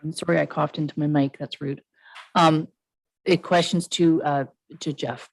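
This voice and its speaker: Low-voiced woman chairing a meeting. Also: fairly even intonation, creaky, no room sound. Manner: brisk, informal, with filler words. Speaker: mayor chairing council meeting.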